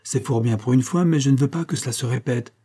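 A man's voice: mid-range voice, warm tone, slightly rough. A man doing a bossy cheeky boy servant. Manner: brisk, ordering.

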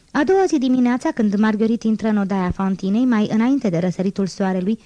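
A woman narrating an audiobook in a steady, measured way, close to the mic. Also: medium pitch, no echo. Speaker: audiobook reader. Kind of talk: scripted narration.

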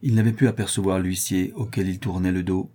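A man's voice: deep voice, steady tone, a little fast, mellow, slightly rough. A man narrating a classic novel as an audiobook, animatedly voicing the dialogue. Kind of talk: scripted narration.

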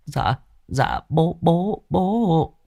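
A man's voice: extremely high pitch, steady tone, moderate pace, a bit bright, pitched above the performer's own voice. A man voicing a frightened young village boy who stammers and pleads. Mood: panicked.

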